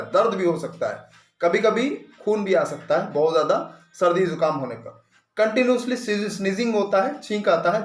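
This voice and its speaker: A man explains medicine in a patient, teacherly way, dropping English medical terms into Hindi. His voice sits a little high for a man. The room has a noticeable echo. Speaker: homeopathy doctor. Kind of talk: explanatory clinical lesson. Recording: echoey room.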